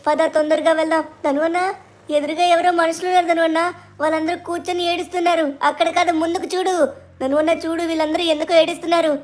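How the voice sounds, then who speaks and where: A woman's voice: very high-pitched, little pitch movement, fast. A woman voicing a cheeky little cartoon boy in a fan-dubbed game story, chatty and pleading. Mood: urgent. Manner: pleading, chatty, calls the host big brother.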